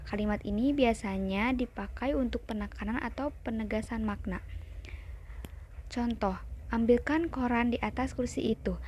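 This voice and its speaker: A woman's voice: fairly high pitch, normal speed, darkish tone. Woman student reading, faint background noise. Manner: reads with small slips and restarts. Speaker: student presenter. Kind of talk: reading a class presentation.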